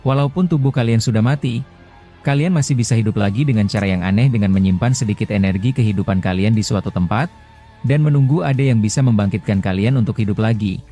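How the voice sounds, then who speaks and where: An arrogant, taunting ninja warrior, read by a male narrator in an anime fan story. His menace comes in a low, dark, mellow voice over faint music. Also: fast talker, natural voice. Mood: menacing.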